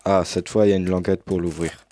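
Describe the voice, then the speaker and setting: A man's voice: sits low, little pitch movement, quick pace, warm tone. A young man casually commenting as he unboxes a game edition, hesitant with many fillers, recorded on a headset mic. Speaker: unboxing youtuber.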